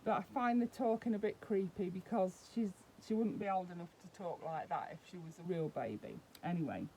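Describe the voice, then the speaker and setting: A woman's voice: on the low side, fairly quick, a little mellow, a little hiss or hum, poor audio. A woman vlogging a casual unboxing, chatting and explaining each step as she handles the doll.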